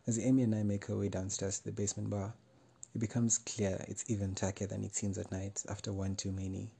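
A man reading a first-person story aloud in a measured, wry way. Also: fairly low pitch, little pitch movement, vocal fry, dark tone, slightly rough. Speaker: narrator.

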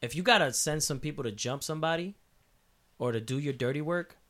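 A man's voice: a little high, a little fast, a bit bright. A man from Puerto Rico who is a guest on a podcast. He talks in a casual, emphatic, profane way and lays out his views at length.

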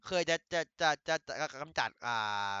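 A man excitedly retelling an anime episode in casual chat, laughing often and using crude slang. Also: normal speed, no echo, muffled recording. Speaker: anime recap host.

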